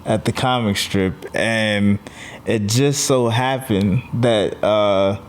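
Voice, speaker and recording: Laid-back comedian guy telling stories on a podcast, smooth clear voice, says like a lot. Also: fairly low pitch, takes it slowly. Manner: easygoing storyteller, lots of "like" fillers. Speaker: comedian guest. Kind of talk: casual podcast chat.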